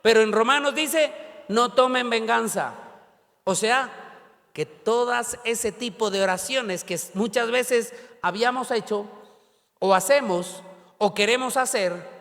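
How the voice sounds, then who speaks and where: A man's voice: very high-pitched, measured pace, creaky, fairly bright tone. A male pastor preaching a sermon in a church and prompting the congregation to repeat his words. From Ecuador. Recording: long reverb of a church hall.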